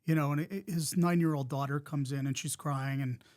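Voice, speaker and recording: A man's voice: a little high, fairly even intonation, moderate pace, darkish tone. A man hosting a podcast, talking in an encouraging, reflective way with frequent restarts. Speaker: podcast host. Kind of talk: casual interview talk.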